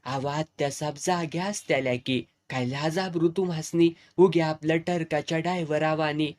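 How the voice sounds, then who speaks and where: A man voicing a bold, sharp-tongued young village woman in a storybook reading. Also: on the high side, unhurried, lightly acted. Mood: scolding.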